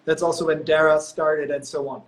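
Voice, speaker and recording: Chatty and given to storytelling, this German executive in his thirties fills his talk with "um" and "you know" during a casual interview on a live video call, heard through the call audio. His pitch is fairly high, delivered flatly at normal speed.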